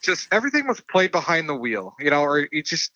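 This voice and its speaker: Bright-voiced man rambling about a movie. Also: fairly high pitch, big pitch swings, a little fast, no echo, lo-fi sound. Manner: rambling, many fillers and restarts. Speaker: podcast co-host. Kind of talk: casual movie discussion.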